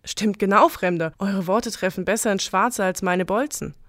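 A woman's voice: medium pitch, normal speed, a bit bright, no echo, studio quality, close to an everyday voice. A woman voicing an earnest, lovesick young squire who speaks formally in a spoken legend.

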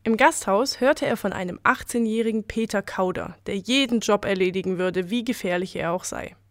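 A woman calmly narrating a folk tale as a scripted story. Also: mid-range voice, normal speed, no echo, studio quality.

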